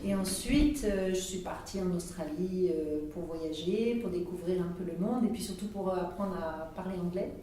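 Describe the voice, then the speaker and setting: A woman's voice: on the low side, moderate pace, hardly any pauses, warm tone. A middle-aged woman from France answering interview questions hesitantly, with many restarts and fillers. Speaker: researcher being interviewed. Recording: echoey room, distant mic, faint noise.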